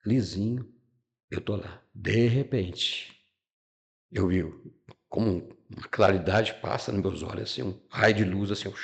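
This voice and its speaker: A man's voice: on the low side, creaky. A man giving a personal testimony as a podcast guest, telling a life story with feeling, repeating words and acting out the people he quotes.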